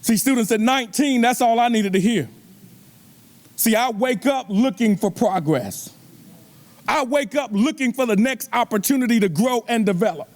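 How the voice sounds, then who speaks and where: A man's voice: very high voice, expressive, normal speed. A middle-aged man giving a motivational keynote speech at a banquet, preacher-like, calling out to the students and asking the crowd rhetorical questions. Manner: preacherly, repeatedly addresses the audience with rhetorical questions. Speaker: motivational speaker. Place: banquet event.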